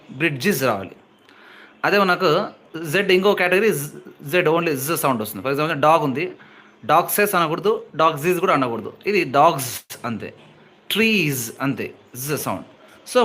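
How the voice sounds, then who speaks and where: A man's voice: on the high side, sharp tone. A man teaching English phonetics for exams, patiently repeating sounds and example words and mixing English terms into his talk. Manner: mixes English terms into Telugu speech. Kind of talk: exam-prep lesson with slides.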